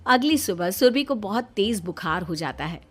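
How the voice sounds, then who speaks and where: A woman narrating a family story in a plain, even storytelling manner. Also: medium pitch, normal speed.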